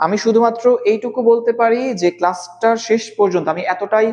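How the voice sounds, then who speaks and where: A man teaching a live online biology class, speaking slowly and deliberately, repeating key terms and quizzing his students. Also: extremely high pitch, fairly even intonation, a little mellow, highs cut off.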